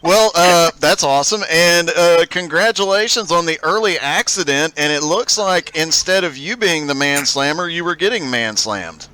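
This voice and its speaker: A man's voice: a little high, lively intonation, normal speed, hardly any pauses, pushed and bright, clear, resonant tone. A man calling a live sim racing event play-by-play, upbeat and laughing often as he goes. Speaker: race commentator.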